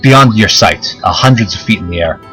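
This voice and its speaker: Male game master, casual hesitant narration, jokey chat, lowish voice, soft background music. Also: animated, brisk, rough recording.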